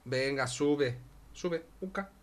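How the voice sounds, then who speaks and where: A man's voice: fairly high pitch, slow pace, slight background noise. A man with a Spain Spanish accent giving casual gameplay commentary, chatty and talking to himself and his cat. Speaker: gaming YouTuber.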